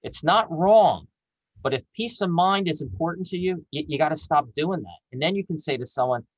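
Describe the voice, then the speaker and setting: A man presenting as an executive coach on a webinar, talking earnestly and slowing down to act out example phrases. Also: a little high, lively intonation, no room sound, dull audio. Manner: earnest, slows down and acts out example voices.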